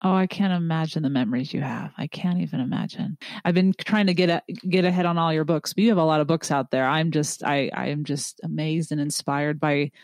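A woman's voice: low-pitched, brisk, hardly any pauses, darkish tone, no room sound, rough recording. A woman hosting a podcast interview, eager and admiring, with many fillers and restarts. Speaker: podcast host.

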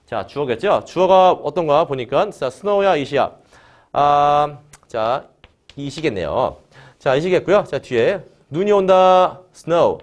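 A man teaching English grammar in Korean, his voice sitting a little on the high side. He opens almost every phrase with a short "자" and keeps firing questions at his students. He has them repeat key words back to him as he works through each example. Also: big pitch swings, drawn-out words. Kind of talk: online grammar lesson.

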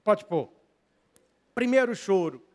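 Brazilian male priest, high voice, animated sermon with quiet asides. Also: slow. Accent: Brazilian Portuguese. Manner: animated storytelling, swings from loud to soft; chatty asides to the crew and audience.

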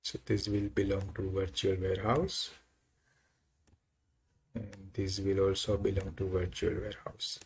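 Slow, gravelly-voiced man walking through software. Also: low-pitched, flat delivery, slight background noise. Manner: unhurried, thinking aloud with frequent uh fillers. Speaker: software tutorial presenter. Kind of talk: screen-recorded software walkthrough.

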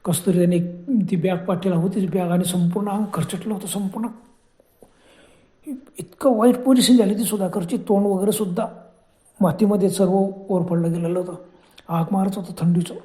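A male storyteller narrates a horror tale in a conversational, dramatic manner. His voice is very dark and mellow. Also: high voice, fairly even intonation, normal speed.

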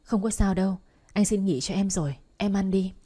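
A woman reading the lines of a gentle, caring young man who speaks softly and reassuringly in an audio story. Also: mid-range voice, a little fast, husky, natural voice. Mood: kind. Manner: soft, kind, reassuring.

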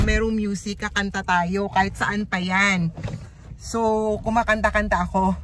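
A Filipina vlogger from the Philippines with an Ilonggo accent, chatting casually and teasing herself, switching between Filipino and English. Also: medium pitch. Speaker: family vlogger. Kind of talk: casual vlog chat. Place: in a car and around town. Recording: car and street noise behind. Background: car and street noise.

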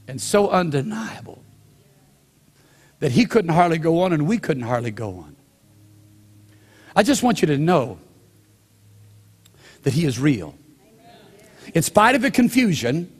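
An older male pastor tells a story from the pulpit, pausing often and slowing down to land each point. His voice sits a little high for a man. The sound carries the long, lingering reverb of a church sanctuary. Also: husky. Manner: storytelling, drawn-out pauses, slows down for emphasis. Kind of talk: sermon.

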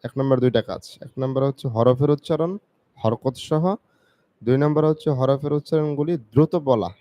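A man teaching Quran reading in a live online lesson, spelling out letters and drawing out each syllable slowly between quick explanations. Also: medium pitch, mellow, no echo. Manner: slow, drawn-out syllable-by-syllable recitation with quick explanations.

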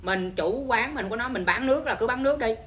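A Buddhist monk teacher giving an informal dharma talk, blunt and scolding, with a naturally loud voice. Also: male voice, very high voice, fast, a little hiss or hum.

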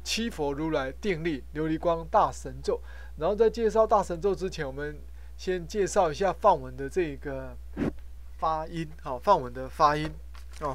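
A middle-aged man giving an informal lecture on Sanskrit pronunciation, repeating himself and ending phrases with a drawn-out "ha". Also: a little high, fairly bright tone, no echo. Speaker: professor teaching Sanskrit pronunciation.

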